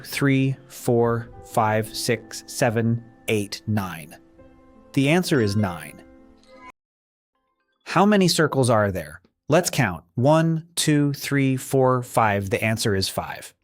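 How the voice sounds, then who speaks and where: A man's voice: medium pitch, sing-song. A man leading a counting lesson for young children, asking how many shapes there are and counting them aloud one by one. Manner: slow, sing-song counting with questions and answers. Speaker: children's math teacher. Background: faint background music.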